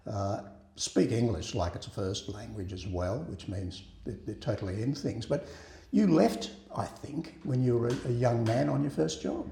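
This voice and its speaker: Gravelly male host in a roomy space. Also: mid-range voice, normal speed, dark tone. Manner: chatty and genial, with repeated words and fillers. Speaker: radio show host. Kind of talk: interview hosting.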